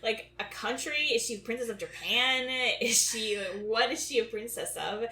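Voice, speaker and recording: A woman's voice: a little high, moderate pace, pushed and bright, echoey room. A woman co-hosting a podcast in casual chat, thinking aloud with frequent restarts. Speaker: podcast co-host.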